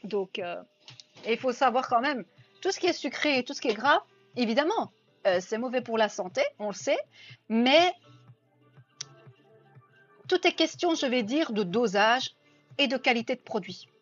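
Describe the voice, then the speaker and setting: Faint music plays under dull lo-fi audio as a woman from Belgium chats casually on a live stream, reading out viewer comments and replying. She speaks with a Belgian French accent in a high-leaning, animated voice at normal speed, leaving long pauses.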